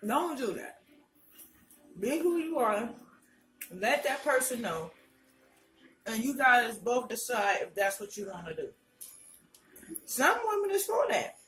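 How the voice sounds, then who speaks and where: A woman's voice: on the high side, expressive, unhurried, pauses often, fairly bright tone, faint music behind. A woman chats casually and frankly between bites of crunchy fried chicken, in a colloquial mukbang style. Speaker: vlogger. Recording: roomy, distant mic, faint noise, clicks.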